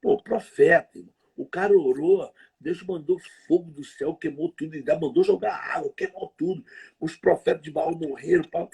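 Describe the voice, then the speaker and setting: A man preaching conversationally on a livestream, telling stories in a lively, slangy way. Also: fairly high pitch, creaky, slightly rough. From Rio de Janeiro. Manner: lively storytelling, slangy, quick asides.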